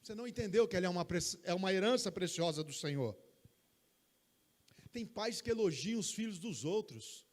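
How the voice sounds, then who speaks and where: Brazilian male pastor, higher voice, animated church sermon. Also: a little fast. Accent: Brazilian Portuguese. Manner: emphatic, animated preaching with acted quotes. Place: church service, streamed live.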